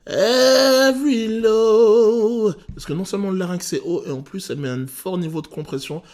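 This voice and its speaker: Male vocal coach, slightly high voice, animated, breaks down singing technique with lots of pauses. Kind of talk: explanatory song analysis.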